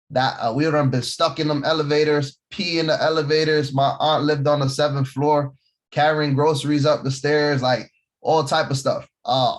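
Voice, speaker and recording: A man, a company vice president, giving a casual motivational talk to his team about where he grew up, with many fillers and repeated words. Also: mid-range voice. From born in Puerto Rico, raised in East Harlem, New York City. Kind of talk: motivational talk on a video call.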